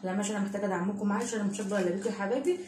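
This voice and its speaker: A woman's voice: mid-range voice, steady tone, very fast. A woman in her thirties with an Egyptian accent, chatting affectionately to her viewers about home cleaning as a mother and vlogger. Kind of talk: casual chat to viewers. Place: home indoors. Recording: echoey room, distant mic, noisy.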